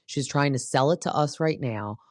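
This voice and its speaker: A woman's voice: very deep voice, normal speed, dry recording, studio quality. A woman hosting a podcast, giving a casual, opinionated recap of a reality show and filling her talk with "like". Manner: chatty and opinionated, full of "like" fillers. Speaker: podcast host.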